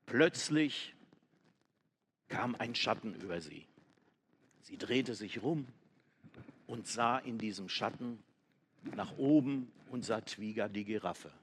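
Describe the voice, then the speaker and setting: A man narrating a children's animal story in a slow, lively storytelling manner. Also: lowish voice, slight background noise.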